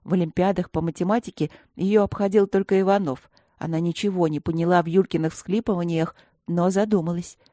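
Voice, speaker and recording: A woman reading a children's storybook aloud in a steady, even-paced manner. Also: on the low side, brisk, no room sound, studio quality. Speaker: audiobook narrator. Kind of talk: storybook narration.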